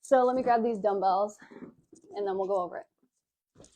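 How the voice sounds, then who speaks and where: A woman's voice: mid-range voice, moderate pace. A woman fitness coach giving a casual live workout demonstration, chatty and breezy, calling her viewers baby and girlies. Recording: dull lo-fi livestream audio.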